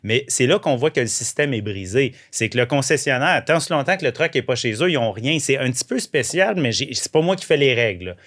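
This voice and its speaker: A man's voice: mid-range voice, a little fast, few pauses. A man with a Québécois French accent, a guest recounting events animatedly in an interview. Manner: animated storytelling with restarts. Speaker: guest, vehicle owner. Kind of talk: casual interview chat.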